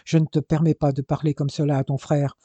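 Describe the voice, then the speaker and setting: A man's voice: a little high, little pitch movement, brisk, mellow, no room sound, close to an everyday voice. A man reading aloud as a stern father who reproves his sons. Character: stern father, commanding and indignant.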